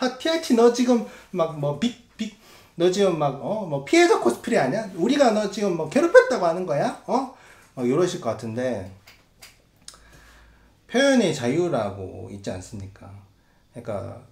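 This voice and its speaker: A man's voice: mid-range voice, a little mellow, roomy sound. A man hosting a casual podcast, ranting with many fillers and acting out other people's voices. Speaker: podcast host.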